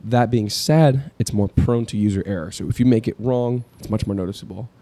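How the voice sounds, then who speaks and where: A young man co-hosting a coffee podcast, bantering with deadpan, goofy humor and talking through brewing gear. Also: on the low side, fairly quick. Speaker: podcast co-host. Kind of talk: casual chat.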